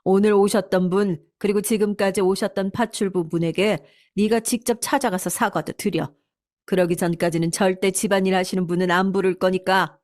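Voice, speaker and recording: A woman's voice: medium pitch, steady tone, brisk, a little mellow, close to an everyday voice. A woman voicing a stern mother-in-law who scolds sharply and firmly. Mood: scolding.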